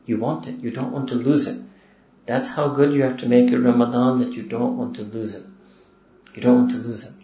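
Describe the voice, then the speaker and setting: A man teaching a religious lecture, chatty and full of rhetorical questions. His voice sits at a middle pitch. The recording is roomy and dull, with a faint hiss underneath. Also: level tone, a little fast, warm tone. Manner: conversational, with rhetorical questions and chuckles. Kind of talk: lecture-style sermon to young listeners.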